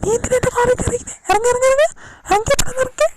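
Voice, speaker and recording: A woman's voice: very high voice, racing, heavy background noise. A woman voicing a young man, snappy at first and then soothing, in an amateur fan audio drama. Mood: irritated. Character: young adult man, gruff then kind.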